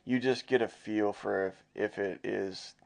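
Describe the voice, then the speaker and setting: A man's voice: lowish voice, steady tone, unhurried, gravelly, darkish tone. A young man co-hosting a travel podcast, laid-back and rambling, with a jokey streak. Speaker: podcast co-host. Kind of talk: casual travel podcast chat.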